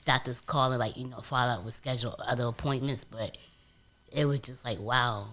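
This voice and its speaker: A man appears as a guest on a casual couch interview, telling stories in an animated way with street slang. His voice is mid-range and a little fast.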